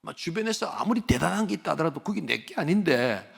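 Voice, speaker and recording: Older male pastor, high gravelly voice, tells stories animatedly in a sermon, hushes to a whisper for emphasis. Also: big pitch swings, fairly quick.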